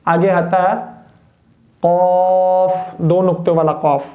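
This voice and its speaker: A man teaching Quran pronunciation, patiently demonstrating each letter sound slowly. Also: sits high, steady tone, warm tone, muffled recording. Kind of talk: step-by-step pronunciation lesson.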